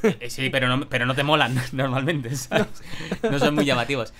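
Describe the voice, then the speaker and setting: Guitar teacher explaining. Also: male voice, mid-range voice, brisk, a bit bright. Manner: explanatory, laughs often, says "tío". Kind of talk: casual chat about guitar.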